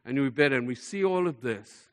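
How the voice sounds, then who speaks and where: A man with a medium-pitched, animated voice preaches a sermon to a congregation at a slightly quick pace. He is emphatic, repeating phrases for effect and swinging between hushed and forceful delivery. The recording comes from a large, echoey hall with long reverb.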